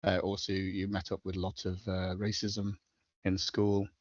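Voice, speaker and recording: Speaking low and monotone at a normal pace, this middle-aged Scouser from Liverpool answers as a podcast guest in a relaxed interview, matter-of-fact and peppered with small hesitations. The close, dry recording has no room sound and a slightly dull, lo-fi quality.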